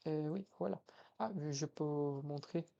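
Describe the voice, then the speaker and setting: Speaking in an unhurried, gravelly voice that is fairly high yet dark in tone, a young Brazilian man of 21 practices foreign languages in a casual vlog. His Brazilian Portuguese accent shows, he hesitates with frequent fillers and restarts, and the recording is muffled.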